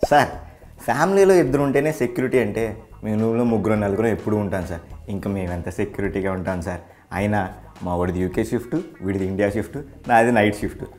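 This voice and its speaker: A man's voice: fairly low pitch, rapid-fire, a little mellow, faint music behind. A young man, a bachelor tenant, arguing his case to a house owner in a comedy sketch.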